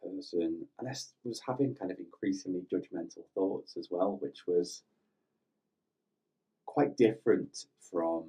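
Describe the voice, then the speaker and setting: Deep, slow, breathy meditation guide. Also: male voice, distant mic. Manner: gentle, reflective and soft-spoken. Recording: slightly dull lo-fi recording with faint music.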